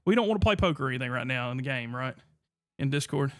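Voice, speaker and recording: Hosting a podcast livestream, a man talks fast and energetically in a medium-pitched voice, reading chat messages aloud as he goes.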